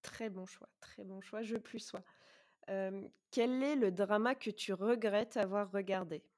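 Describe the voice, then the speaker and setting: A woman hosting a podcast in a medium-pitched voice, talking in a chatty way with frequent hesitations. She asks quick questions, then runs through her prepared notes. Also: steady tone, a little mellow. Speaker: podcast host. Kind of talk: casual podcast chat and prepared presentation.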